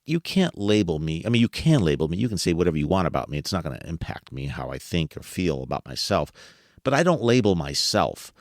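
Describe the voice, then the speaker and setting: Low-pitched and brisk, this American podcast host's voice swings widely in pitch as he talks informally to his listeners. He throws in rhetorical questions and chuckles, and the clean studio audio has no room sound.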